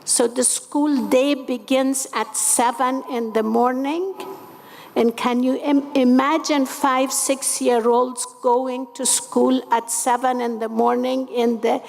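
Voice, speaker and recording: A woman's voice: sits high, fairly even intonation, creaky, a little mellow. A woman in her seventies from Afghanistan, an activist speaking on a conference panel in an impassioned, emphatic way. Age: 70s. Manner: impassioned, emphatic, slow and deliberate. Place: large convention hall. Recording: conference hall reverb.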